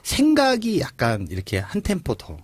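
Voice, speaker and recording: A middle-aged man with a Chungcheong Korean accent, a lawmaker guest telling stories on a talk show and acting out quoted remarks in a slow drawl. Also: fairly high pitch, huge pitch swings, slightly rough, no room sound. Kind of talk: casual political talk show chat.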